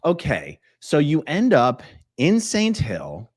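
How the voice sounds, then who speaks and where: A man's voice: fairly high pitch, huge pitch swings, slow, no room sound. A man hosting a live-streamed interview, asking probing questions in a conversational way. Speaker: interview host.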